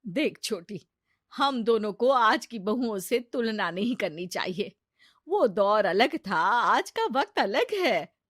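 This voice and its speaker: An actress playing a kind, protective middle-aged mother-in-law in a family story, gentle and reasoning. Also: medium pitch, big pitch swings, slow pace, breathy edge, no echo, studio quality, exaggerated voice. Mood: calm, reasoning.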